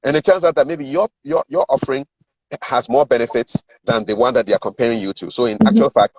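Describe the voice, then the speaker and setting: A middle-aged coach with a Ghanaian accent speaks fast and expressively at medium pitch against a noisy background, giving communications and sales advice in a conversational interview. He explains things, acts out sample exchanges and repeats words to emphasize them, and the sound is echoey and dull.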